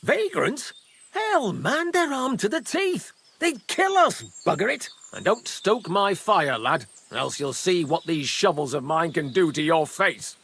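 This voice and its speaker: A man voicing a gruff, folksy medieval axeman in a video game, grumbling and quick to take offence. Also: high voice, very animated, fairly bright tone, heavily acted. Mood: defensive, agitated, then menacing. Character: gruff, touchy travelling medieval axeman, boastful but wary. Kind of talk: video game character dialogue.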